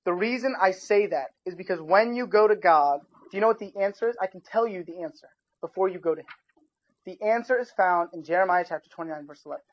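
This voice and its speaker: A man giving an informal sermon as a youth pastor, chatting casually with his listeners and adding animated asides. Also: sits high, quick pace. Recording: dull lo-fi recording.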